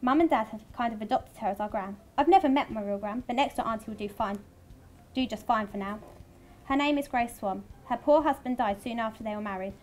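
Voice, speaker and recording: A woman reading a first-person story aloud in a chatty, lively storytelling manner. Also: a little high, a little fast. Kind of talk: first-person audiobook narration.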